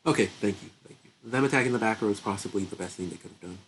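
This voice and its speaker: A young man runs a gaming channel and chats rapid-fire through his gameplay in a fairly low voice, laughing regularly and voicing his thoughts. He's congested and seems to be getting sick. Expect poor audio with slight background noise.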